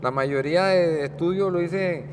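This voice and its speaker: A man in his sixties from Guanacaste with a Guanacaste Costa Rican accent, a guest talking in a casual interview, rambling and halting with many restarts. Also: a little high, background noise. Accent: Guanacaste Costa Rican Spanish. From Costa Rica, Guanacaste. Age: 60s.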